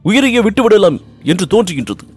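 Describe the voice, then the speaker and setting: A man voicing an ardent young prince, pitched high. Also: animated, brisk, husky, dry recording, faint music behind. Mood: anguished. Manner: earnest, pleading, rising with emotion. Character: young Pandya prince, ardent and anxious lover.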